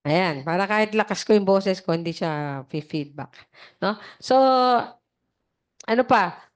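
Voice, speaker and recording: A woman's voice: fairly low pitch, animated, a little slow. Woman preacher on a video call, chatty sermon style, plays the people she quotes and keeps asking her listeners to agree. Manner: conversational, acts out quoted voices, asks "di ba?". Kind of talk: casual sermon.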